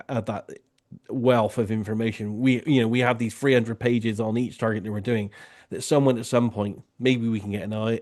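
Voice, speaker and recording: With a lowish, darkish voice, a man chats through an informal online question-and-answer session he's hosting as a remote viewing tasker. He peppers his loose talk with "you know."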